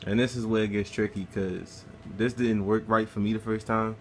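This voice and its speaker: A man narrates a gameplay guide in a relaxed, casual way, cursing freely as he plays. His voice is lowish and steady, moving at a moderate pace, with slight hiss or hum in the recording.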